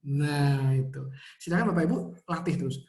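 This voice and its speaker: A man, a child psychologist, answers parents' questions in a relaxed webinar talk, explaining through everyday examples over a video call. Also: a little high, brisk. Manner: easygoing, explains with everyday examples, often ends phrases with "gitu".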